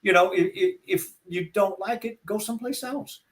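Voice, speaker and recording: An older man with a Southern US accent chats as an interview guest, pitched a little high for a man. He rambles in a folksy, opinionated way. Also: moderate pace, fairly bright tone. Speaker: guest speaker. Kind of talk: casual interview chat.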